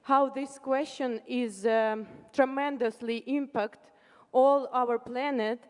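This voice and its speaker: A woman from Ukraine speaks from the audience in an earnest, halting way. Her voice is a little high and smooth. It rings with long reverb through a large hall. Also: steady tone, darkish tone. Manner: earnest, halting, with non-native grammar. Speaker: audience member. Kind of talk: audience question at a panel.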